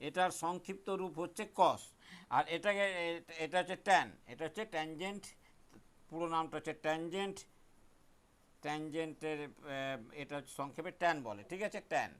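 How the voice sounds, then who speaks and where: A middle-aged man, explaining a math lesson step by step in a high voice. He repeats key points and keeps checking that the class understands. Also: fairly bright tone. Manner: patient and repetitive, checks in often, chants a memory rhyme slowly. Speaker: math teacher.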